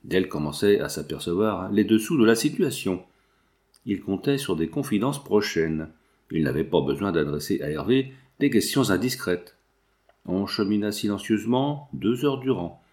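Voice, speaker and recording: A man's voice: fairly low pitch, animated, moderate pace, darkish tone. A man narrating a classic French novel as an audiobook reader. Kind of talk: scripted narration.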